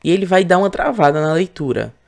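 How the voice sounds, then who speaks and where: Gravelly-voiced Brazilian male teacher. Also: high voice, expressive, fast. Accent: Brazilian Portuguese. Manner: explains patiently, often checks in with "tá?". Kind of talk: recorded online grammar lesson.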